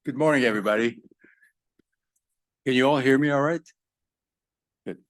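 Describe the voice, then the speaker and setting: A man's voice: medium pitch, normal speed. An older man born in Egypt, a professor giving a live conference talk in a conversational way with joking asides to the audience. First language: French.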